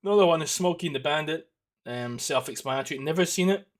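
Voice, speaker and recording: Young male podcaster, slightly high voice, loose and profane, animated banter. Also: quick pace. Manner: swearing, animated, does goofy voices. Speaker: podcast host. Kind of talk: casual chat.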